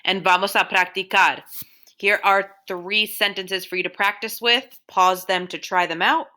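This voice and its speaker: A woman's voice: mid-range voice, steady tone, normal speed, bright, forceful tone. A woman teaching Spanish over a recorded slideshow, steadily drilling verb forms one by one.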